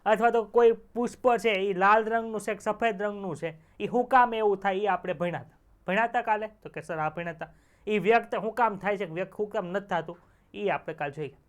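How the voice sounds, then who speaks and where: A man's voice: high-pitched, clean tone. Joke-telling male teacher. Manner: chatty, tells jokes, quizzes students with rhetorical questions. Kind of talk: online exam-prep lecture.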